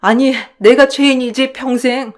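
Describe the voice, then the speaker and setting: A woman voicing an older mother who shouts in defense of her daughter and then speaks with regret. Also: high-pitched, steady tone, a little slow, pitched above the performer's own voice. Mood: tearful remorse. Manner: furious and blunt, later tearful and remorseful.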